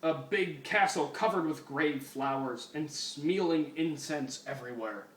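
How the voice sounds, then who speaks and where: A man reads fan fiction aloud dramatically for laughs, clearly amused and often breaking off to comment. His voice is on the high side, a bit bright and a little slow, captured by a distant mic in an echoey room with faint noise.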